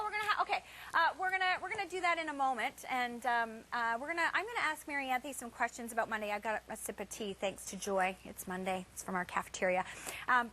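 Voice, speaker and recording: A high-pitched woman works as a home shopping host, presenting live in a casual style. She talks chattily and pokes fun at herself as she goes. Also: expressive, quick pace, sharp tone, a little hiss or hum. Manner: chatty, self-deprecating.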